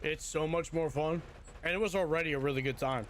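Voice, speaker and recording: A man's voice: on the high side, brisk, a little hiss or hum. Chatty man on a livestream headset mic. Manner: relaxed, chatty, loose slangy talk. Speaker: livestreamer in a roleplay game. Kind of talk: casual chat to stream viewers.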